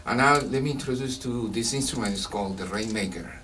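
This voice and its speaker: A man from Peru, a guest musician in a radio interview, speaking halting English with many pauses and fillers. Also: fairly low pitch, distant mic, heavy background noise. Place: children's museum radio studio.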